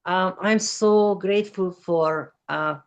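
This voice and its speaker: A woman from former Yugoslavia whose first language is Hungarian gives personal testimony as an interview guest, speaking English in careful, simple sentences. Her voice is lowish, smooth, and slow.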